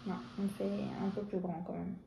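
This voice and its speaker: A woman with a French accent, a nail technician reading English exam steps haltingly and chatting casually as she works. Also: medium pitch, flat delivery, gravelly, muffled recording, background noise. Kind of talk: casual tutorial while working. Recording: echoey room with faint ambience.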